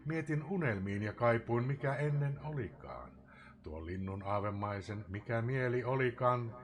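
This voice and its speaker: A man giving a dramatic poetry recitation, swinging between loud outbursts and hushed whispers. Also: mid-range voice, expressive, a little hiss or hum. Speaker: live streamer reading a poem.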